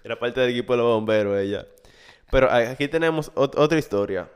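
A man's voice: medium pitch, quick pace, clear, resonant tone. A man hosting a podcast, telling funny stories in casual chat and laughing often. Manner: animated, laughing storyteller. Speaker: podcast host.

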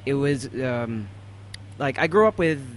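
Halting man with an untypical Emirati accent. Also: mid-range voice, lively intonation, a little hiss or hum. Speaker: podcast guest. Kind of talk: casual interview storytelling.

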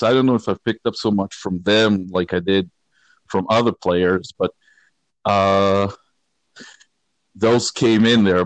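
A guitarist from Israel, guesting on a conversational interview, chats casually with dry, self-deprecating humor, relaxed and rambling. His voice is fairly low-pitched. The recording is dry and the audio poor.

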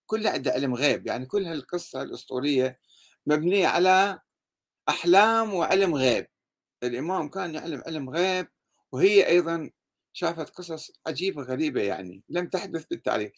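A man's voice: on the high side, lively intonation, brisk. A man with an Iraqi Arabic accent giving a critical lecture, sarcastic and full of rhetorical questions. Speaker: religious critic.

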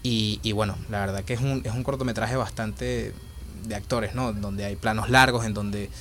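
Young Venezuelan man, low flat delivery, hesitant interview answers, faint noise. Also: moderate pace. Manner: thoughtful, many fillers and restarts. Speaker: filmmaker and actor.

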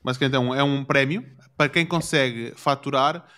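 A man's voice: mid-range voice, brisk, sharp tone. A man with a European Portuguese accent chatting casually, using plenty of slang and swearing freely. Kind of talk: casual chat.

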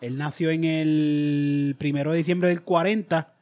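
A man's voice: a little high, measured pace. Profane man telling stories. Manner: profane, animated storyteller who slips into put-on accents. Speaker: podcast co-host. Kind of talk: casual comedic chat.

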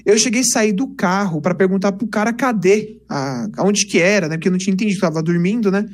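A young man, casually telling lively stories on a podcast. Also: sits high, fast talker. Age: 20s. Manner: animated, chatty, peppers speech with "cara". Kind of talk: casual storytelling chat.

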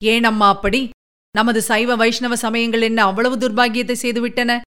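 A woman voicing a calm, patient emperor speaking gently to his daughter. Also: on the high side, moderate pace, clear, resonant tone, lightly acted. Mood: gentle. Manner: gentle, soothing, reasoning.

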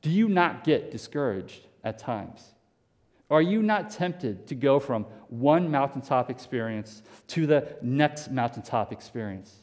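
A man's voice: mid-range voice, animated, a little slow, a little mellow. Man preaching in a reverberant hall. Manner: rhetorical questions, repeats words when restarting. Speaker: pastor. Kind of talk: sermon. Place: church sanctuary.

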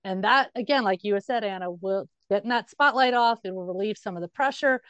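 A woman co-hosting a casual sports podcast, lively and excited, often laughing and talking over the others. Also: mid-range voice, a little fast, clear, resonant tone, no room sound, dull audio.

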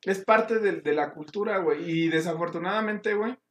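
A man's voice: high voice, moderate pace, roomy sound, over a noisy crowd. A man with a Mexican accent, co-hosting a casual chat show, who argues his views thoughtfully in slang-filled speech. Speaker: co-host.

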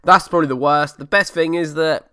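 Hosting a podcast, a man from Essex, England casually works through listener questions, dropping letters from some words and over-pronouncing others. His voice is on the high side, brisk, bright and forceful, with a clean, studio-quality sound and no echo.

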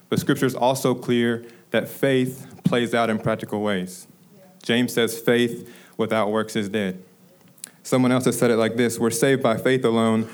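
A young man preaching a sermon to his congregation, telling a story and then slowing down to stress the key phrases. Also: medium pitch. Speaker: preacher, ministry director.

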